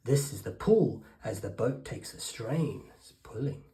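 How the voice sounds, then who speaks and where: A woman with a low voice reads a children's picture book aloud. She is animated, with pitch that swoops high and low and dramatic gasps. Her delivery is slow and deliberate. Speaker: storyteller for children.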